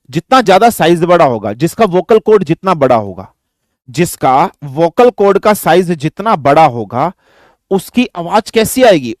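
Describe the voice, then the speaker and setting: Man, high voice, physics teacher, mix, question-and-answer lecture, dry close sound. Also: dry recording. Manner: addresses students as beta, asks and answers own questions. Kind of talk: classroom lecture.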